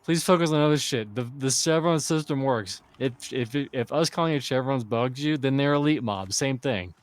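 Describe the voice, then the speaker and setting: A man hosts a loose gaming chat in a flat, deadpan manner that his friends find funny. His voice is smooth and resonant, and it comes across close and dry with no room sound. His delivery is droll and unhurried. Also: mid-range voice, no room sound. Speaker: streamer and host.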